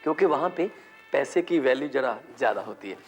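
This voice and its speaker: An Indian man performing a stand-up comedy monologue on a TV comedy show, animated and slipping into character voices as he jokes. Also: mid-range voice, fairly quick. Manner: animated, mimics characters mid-joke.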